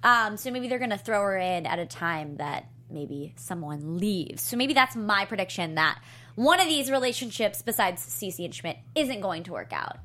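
A woman's voice: medium pitch, lively intonation, normal speed, bright, forceful tone. A young woman co-hosting a podcast, chatting casually and emphatically with a giggly manner. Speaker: podcast co-host. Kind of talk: casual chatty TV recap conversation.

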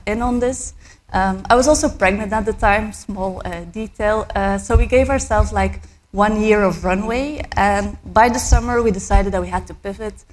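Belgian-born woman presenting with a cold. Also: mid-range voice. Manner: hesitant, many fillers. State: has a cold. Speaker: startup co-founder giving a talk. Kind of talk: conference presentation.

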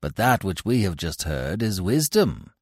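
A man voicing a solemn male adjutant stork who speaks gravely. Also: sits low, very animated, measured pace, no room sound, studio quality, heavily acted.

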